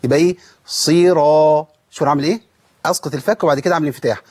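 A man with an Egyptian accent teaching Quran recitation rules. He explains quickly, then stretches syllables slowly to show each sound. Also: fairly high pitch, slightly rough. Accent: Egyptian Arabic. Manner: explains briskly, then draws out sounds slowly to demonstrate them. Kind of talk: tajweed lesson.

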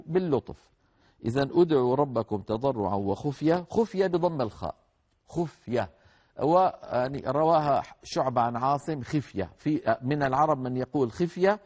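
A man teaching tajweed, explaining rules to students and chanting verses slowly to demonstrate correct pronunciation. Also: mid-range voice, a little mellow. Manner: addresses students directly, correcting common mistakes. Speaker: Quran recitation teacher. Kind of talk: tajweed lesson with recited examples.

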